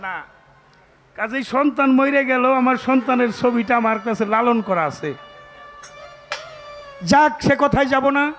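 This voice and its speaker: High-voiced man preaching at a folk stage. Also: moderate pace, pauses often, a bit bright, faint music behind. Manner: rhythmic sermon-like delivery breaking into song. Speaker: folk debate singer. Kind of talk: Bengali pala gaan debate, preaching and singing.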